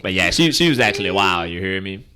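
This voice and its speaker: A man's voice: sits low, animated, fast talker, sharp tone, smooth. A man co-hosting a podcast, telling stories in slangy, emphatic casual chat. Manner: slangy, emphatic storytelling, often asks "you hear me?". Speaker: podcast co-host.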